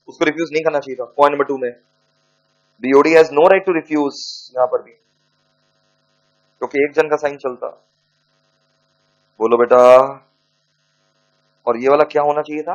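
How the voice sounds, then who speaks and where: A man's voice: fairly high pitch, muffled recording. Teasing Indian-English law lecturer, a man. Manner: scolding, teasing lecturer mixing Hindi and English, dictating slowly. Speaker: law teacher. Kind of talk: classroom lecture.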